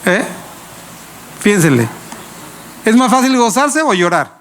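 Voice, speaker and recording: Man, pastor, high voice, lively sermon, rhetorical questions. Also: slow. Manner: playful, laughs while telling anecdotes.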